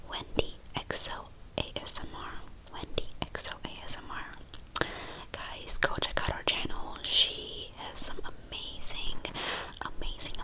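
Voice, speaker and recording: Woman whispering ASMR with nail taps. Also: sharp tone. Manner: whispering with nail tapping, mouth sounds and repeated words. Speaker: ASMR creator. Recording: lo-fi close-up phone or webcam recording. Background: nail tapping.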